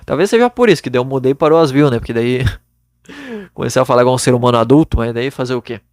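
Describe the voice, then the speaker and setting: A man's voice: mid-range voice, sing-song, quick pace, darkish tone, no room sound, studio quality. A young man hosting a podcast from his bedroom, giving blunt, casual advice into a microphone and swearing freely. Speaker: podcast host.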